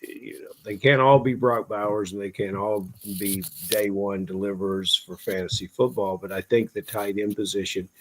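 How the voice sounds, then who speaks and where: A man co-hosting a fantasy football podcast, asking long, drawn-out questions in casual chat. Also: on the low side, fairly even intonation, slight background noise, rough recording. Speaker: podcast co-host.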